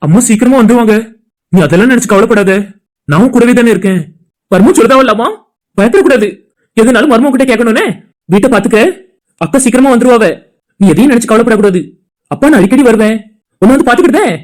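A gentle cartoon father, voiced by the channel's performer, talking quickly but soothingly in a Tirunelveli Tamil accent. His voice sits in a middle register. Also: medium pitch. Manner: soothing, reassuring. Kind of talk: cartoon voice acting.

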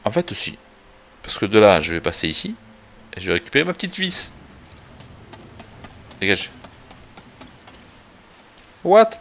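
A man's voice: fairly low pitch, big pitch swings, normal speed, long pauses, fairly bright tone, a little hiss or hum. A man streaming a video game live, chatting casually, swearing now and then and greeting viewers as he plays. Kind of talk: casual live gameplay commentary.

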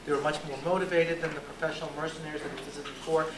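A man's voice: on the high side, flat delivery. Middle-aged man lecturing in an echoey room. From born in Egypt, raised in Georgia, USA. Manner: measured and explanatory, with "uh" fillers and "right?" asides. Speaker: guest lecturer. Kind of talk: academic lecture. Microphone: handheld mic. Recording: echoey room, distant camera mic, audible noise.

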